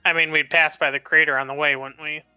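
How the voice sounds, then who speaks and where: Blunt, crisp-voiced young-sounding man player. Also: a little high, flat delivery, fast talker, sharp tone, no room sound, faint music behind. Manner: blunt and profane. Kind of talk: casual tabletop chat.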